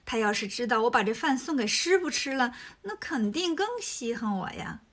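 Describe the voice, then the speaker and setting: A woman's voice: on the high side, animated, moderate pace, fairly bright tone. A woman voicing a sly female demon posing as a sweet young wife, coaxing and sugary.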